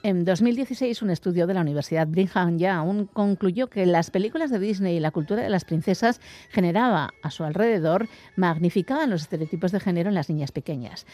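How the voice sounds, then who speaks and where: A woman radio presenter, reading a measured, informative scripted segment. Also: lowish voice, warm tone. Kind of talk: scripted narration.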